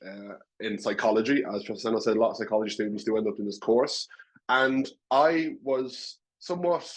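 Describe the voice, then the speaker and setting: A young Irish man with a Dublin accent speaks in a lowish voice over poor audio. He's a current student talking in a webinar, earnest and wordy, with a self-deprecating streak.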